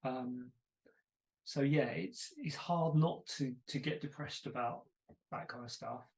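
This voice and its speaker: A man's voice: medium pitch, measured pace, gravelly. A man hosting a podcast, chatting casually and telling stories with self-deprecating asides. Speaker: podcast host. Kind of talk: casual conversation.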